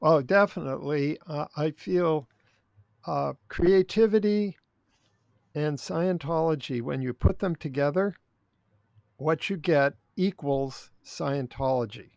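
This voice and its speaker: An older man speaking as a podcast guest in casual interview chat, blunt and opinionated, halting with restarts. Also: fairly high pitch, gravelly, a little mellow, dry recording. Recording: dry, dull lo-fi sound.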